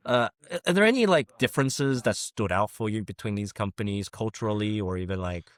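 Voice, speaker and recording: A man hosting a casual interview podcast, friendly and halting, with lots of uh fillers and restarts. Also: lowish voice, animated. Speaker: podcast host, fund founder.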